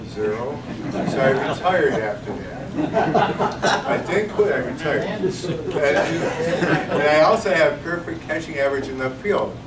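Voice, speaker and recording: A man's voice: medium pitch, noisy background. A man in his sixties, a priest, giving an informal talk at a luncheon, rambling with restarts and joking about himself. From United States. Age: 60s. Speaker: priest and monk speaking at a luncheon. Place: luncheon hall. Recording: roomy, distant, with loud room ambience.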